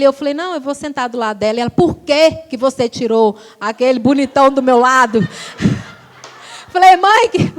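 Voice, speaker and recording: A Brazilian Portuguese woman preacher telling lively personal stories in a church sermon, acting out the voices of the people in them. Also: high voice. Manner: animated storytelling, acting out quoted voices.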